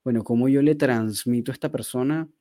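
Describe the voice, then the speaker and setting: A man's voice: mid-range voice, a little fast, mellow, dry recording. A man, chatting casually as a podcast co-host about dog training. He thinks aloud in loose, searching phrases. The recording is dry and close, with no room sound.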